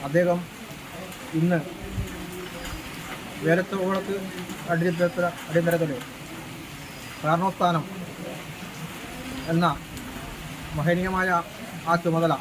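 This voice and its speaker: Halting formal male announcer, noisy recording. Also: sits high, flat delivery. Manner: halting, phrase by phrase. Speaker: temple committee announcer.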